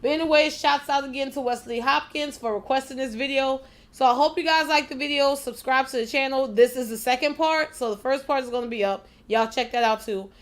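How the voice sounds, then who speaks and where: A woman hosting a reaction video, talking straight to her viewers with loud, profane, laughing disbelief. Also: high-pitched, fairly quick, few pauses. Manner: addresses viewers directly. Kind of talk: casual reaction commentary.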